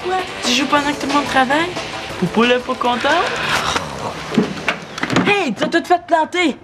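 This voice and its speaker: A woman's voice: mid-range voice, lively intonation, normal speed, over loud music, close to an everyday voice. An actress playing a sarcastic young woman in a TV series, speaking with a Québécois accent and a teasing manner. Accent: Québécois French. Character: sarcastic young woman who teases her sister. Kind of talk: TV series acting. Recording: loud background hiss.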